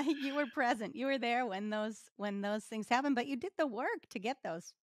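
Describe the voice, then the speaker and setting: A woman's voice: a little high, normal speed. A woman interviewing a chef, encouraging him and summing up his points. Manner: encouraging, sums up the guest's points. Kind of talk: casual interview.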